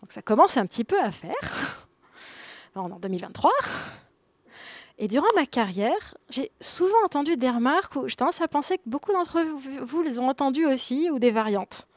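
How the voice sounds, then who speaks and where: A woman in her thirties presents at a conference in a fairly high voice. She keeps it conversational and drops little quips to the audience. The sound is dry and close. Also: big pitch swings, normal speed, a little mellow, no room sound. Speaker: conference speaker. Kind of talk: conference talk.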